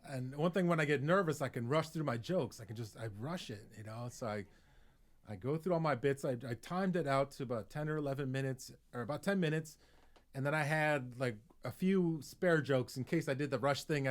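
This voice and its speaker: Man spinning a lively comedy anecdote. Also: mid-range voice. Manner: animated anecdote-telling, acting out quoted voices; chuckles through his story. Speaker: comedian and podcast co-host. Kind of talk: casual podcast storytelling.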